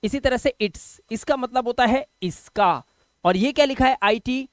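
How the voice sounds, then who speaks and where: A man teaching English vocabulary in a video lesson. He repeats each word, keeps asking if his students follow, and pushes in loud, encouraging bursts. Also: extremely high pitch, a little slow, no echo, clean studio sound. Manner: drills words, repeats them, keeps asking "ठीक है?"; animated and encouraging, with sudden loud emphasis.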